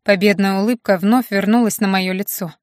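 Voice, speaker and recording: A woman's voice: medium pitch, steady tone, brisk, no echo, clean studio sound. A woman reading a fantasy novel aloud in a first-person audiobook narration.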